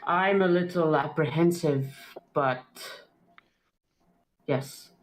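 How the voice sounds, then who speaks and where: A player in casual tabletop role-play who speaks clearly and a little primly. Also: medium pitch, slow, slight background noise. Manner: prim, prides themselves on clear speech.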